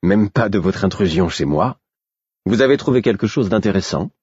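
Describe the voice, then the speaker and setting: A man's voice: fairly low pitch, lively intonation, moderate pace, a little mellow, slightly rough, no echo, lo-fi sound. A man doing a haughty young woman. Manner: haughty, dismissive.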